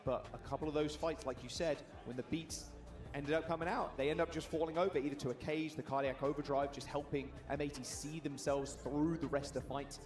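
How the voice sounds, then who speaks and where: A man casting an esports match, giving fast, eager play-by-play analysis. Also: on the high side, steady tone. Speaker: esports caster. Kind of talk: play-by-play commentary. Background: background music.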